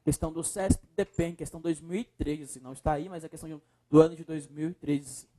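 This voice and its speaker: A man's voice: a little high, fairly even intonation, fairly quick, mellow. Brief: Brazilian male teacher, coaxing, breaks words into syllables. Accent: Brazilian Portuguese. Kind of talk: video lesson.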